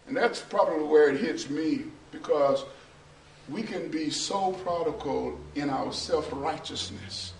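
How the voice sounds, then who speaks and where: A middle-aged male pastor preaching a sermon in a small church. He preaches slowly and builds to shouting, half-sung peaks. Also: a little high, creaky, slight background noise. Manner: slow, preachy, rises to shouting and half-singing. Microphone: far camera, no mic seen. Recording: roomy church echo from far off.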